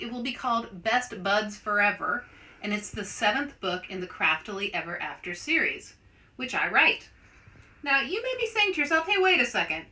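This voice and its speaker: A woman who is both author and host presents a children's read-aloud, addressing young listeners directly in an animated way. Her voice is a little high.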